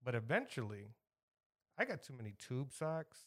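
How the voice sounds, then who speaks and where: A man, co-hosting a podcast in lively, teasing casual chat. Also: medium pitch, moderate pace, dry recording, clean studio sound. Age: 30s. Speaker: podcast co-host.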